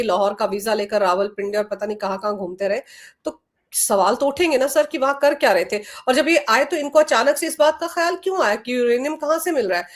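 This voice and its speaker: A woman hosting a news discussion show, putting pointed rhetorical questions to her guest. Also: a little high.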